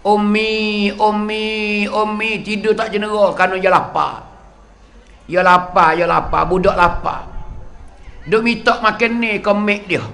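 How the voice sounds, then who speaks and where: A man's voice: sits high, pushed and bright. A male religious teacher with a Kelantan-Patani Malay accent, telling a story in a sermon and acting out the scenes with sound words.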